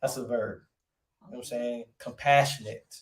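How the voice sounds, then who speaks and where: A man's voice: mid-range voice, steady tone, moderate pace. A man teaching a casual classroom lesson in a conversational way, often asking rhetorical questions. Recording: roomy echo.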